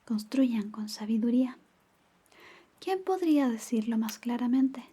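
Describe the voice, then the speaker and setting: Woman acting breathy girlfriend in whispered role-play. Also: fairly high pitch, animated. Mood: gentle, reflective. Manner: soft, intimate, slow storytelling. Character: caring, teasing girlfriend reading bedtime stories.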